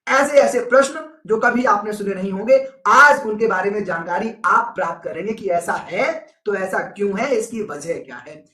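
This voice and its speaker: A man's voice: high voice, normal speed, hardly any pauses, sharp tone, reverberant. A male teacher giving a live online exam-prep lesson, repeating key points with emphasis and answering viewer comments as he goes.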